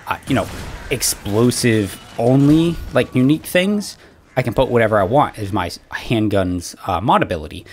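A man's voice: fairly low pitch, a little hiss or hum. A man casually commenting on his game build, chatty and rambling with lots of fillers, a little out of breath after exercising. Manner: chatty, rambling, frequent fillers and "right?" asides. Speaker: gaming channel host.

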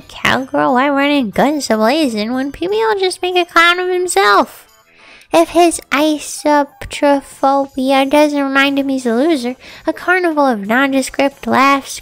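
A woman's voice: high-pitched, measured pace, creaky, no room sound, faint music behind. A woman voicing a sassy, scheming cool-kid bully girl, bossy and sardonic, in a game read-through.

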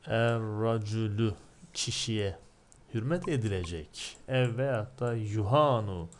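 A man with a Turkish accent gives a line-by-line translation lesson on a religious text, reading it word by word and translating and explaining each term. His voice is fairly low, his pace slow, and there's a faint hiss or hum.

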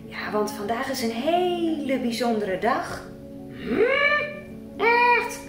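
A woman leading a children's church service, telling a story to the children in a gentle, animated way. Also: a little high, unhurried, over music. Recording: echoey church.

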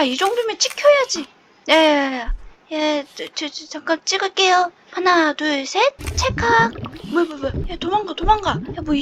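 A woman playing a horror game and chatting nervously as she explores, often shouting and laughing from fright. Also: high-pitched, a little hiss or hum. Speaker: game streamer. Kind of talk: horror game let's play.

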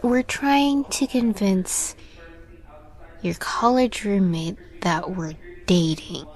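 This intimate roleplay features a woman as a shy young catgirl roommate who speaks haltingly, nervously, and a bit playfully, often near a whisper. Her medium-pitched voice is expressive, and the mood is nervous and hesitant.

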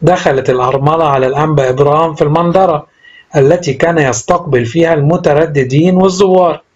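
Egyptian Arabic storyteller man, earnest reading, slightly high and husky. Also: quick pace, lo-fi sound. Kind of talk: reading a religious story aloud.

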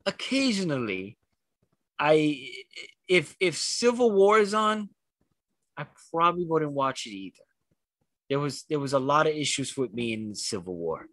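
Male podcast co-host, mid-pitched, dry sound, loose and rambling delivery. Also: a bit bright, dry recording. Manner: rambling opinions with many restarts. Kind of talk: casual podcast chat.

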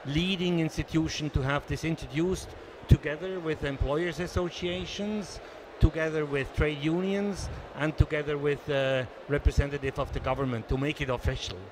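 A man in his sixties from Switzerland, giving a measured, businesslike conference interview into a handheld mic, pausing often. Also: a little high, fairly even intonation, noisy background. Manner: measured, businesslike, many hesitations. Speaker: interviewee, association treasurer. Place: conference booth indoors.

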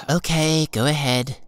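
A man's voice: on the high side, fairly bright tone, dry recording. A man voicing a young male pop star hero in a cartoon, dry and easily exasperated. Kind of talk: cartoon voice acting.

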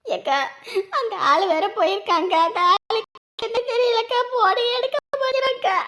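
A panicked village wife, played by a woman in a rural drama, her very high voice breaking into wails and pleading lines. She sounds frantic and fearful throughout. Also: expressive, moderate pace, sharp tone, heavily acted. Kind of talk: rural Tamil drama acting.

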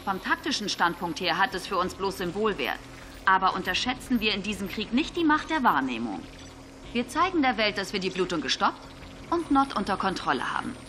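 A woman's voice: medium pitch, very animated, fairly quick, sharp tone, soft background music. An actress playing a confident military intelligence officer in her thirties, giving a scripted briefing in a video game. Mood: confident, urgent.

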